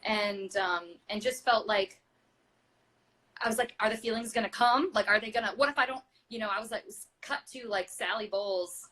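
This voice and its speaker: A woman's voice: fairly high pitch, normal speed, pushed and bright. A woman in her thirties, a stage actress and singer, chatting casually as an interview guest, full of fillers and acting out quoted voices. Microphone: video call.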